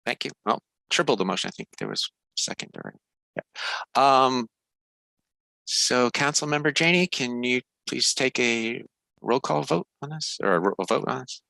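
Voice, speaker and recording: Guy running a council meeting, bright forceful voice, kinda halting, pretty dry sound. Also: mid-range voice, expressive, creaky, no room sound, low-quality recording. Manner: halting, hesitant phrasing. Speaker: meeting chair. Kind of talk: informal business meeting talk. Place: online video meeting.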